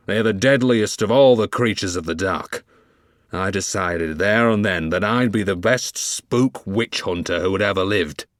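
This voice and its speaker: A man playing a drunk, gruff old witch hunter. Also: on the low side, fairly bright tone, no echo, clean studio sound. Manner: slow, slurred and gruff.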